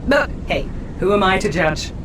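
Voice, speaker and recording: A woman's voice: animated, normal speed, close to an everyday voice. A woman playing a capable, candid female officer in a video game, conversational and self-assured. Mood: wry, candid. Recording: distant voice over vehicle rumble. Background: aircraft engine rumble.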